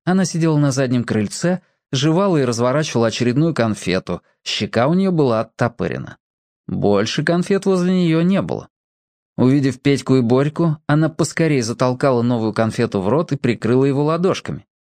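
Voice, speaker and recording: An expressive storybook narrator with a lively, lilting delivery. The voice is close and dry, with no room sound. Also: mid-range voice, fairly quick, dry recording. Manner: expressive, animated reading.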